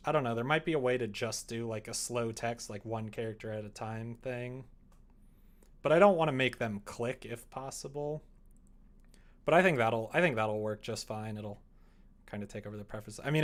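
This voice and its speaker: At his computer in a small room indoors, a young male livestreamer works on coding a game. He speaks in a mid-range voice at a moderate pace, casually thinking out loud and poking fun at himself.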